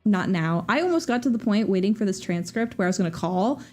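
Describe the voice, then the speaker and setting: Brief: young female streamer, casual rambling chat, animated voice, faint music under it. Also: fast talker. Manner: animated, jumps to high squeaky voices when quoting people.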